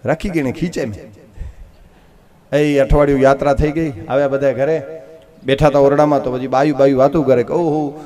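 A man with a Kutchi Gujarati accent telling a religious story at a live katha, acting out the characters with sudden jumps in pitch. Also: fairly even intonation, normal speed, long pauses, warm tone. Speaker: Bhagavat katha preacher.

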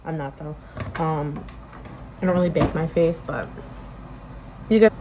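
A low-pitched woman speaks unhurriedly, rambling and self-interrupting in an informal get-ready-with-me video for her vlog. Her phone is propped at arm's length inside a small room like a bedroom, giving a noisy recording.

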